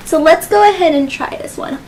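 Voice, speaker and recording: A woman's voice: very high voice, music in the background. A woman hosting a casual eating video, chatting playfully between bites. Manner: playful, chatty, with chewing pauses. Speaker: mukbang host. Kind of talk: casual chat while eating.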